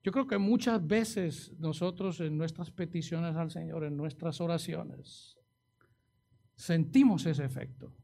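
A man's voice: sits high, gravelly, darkish tone. A man preaching a sermon, acting out the pleas in the story and asking the congregation rhetorical questions. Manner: dramatic, acts out quoted pleas, rhetorical questions.

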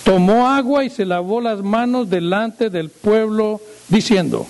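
A male pastor reading scripture aloud in a sermon and praying, slow and solemn, lifting his voice for quoted speech. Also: high voice, a little mellow, low-quality recording. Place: church.

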